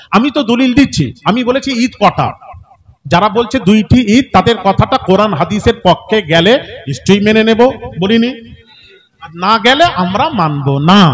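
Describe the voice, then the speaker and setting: A man arguing insistently into a microphone at a village religious debate. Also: high voice. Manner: argumentative, insistent, rhetorical questions. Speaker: religious scholar in a public debate. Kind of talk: heated public debate over a microphone. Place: village gathering.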